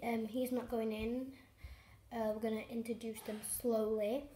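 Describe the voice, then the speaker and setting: A woman vlogging at home, chatting excitedly to camera in a rambling way with many fillers. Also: a little high, moderate pace. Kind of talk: casual chat to camera. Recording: echoey room with faint noise.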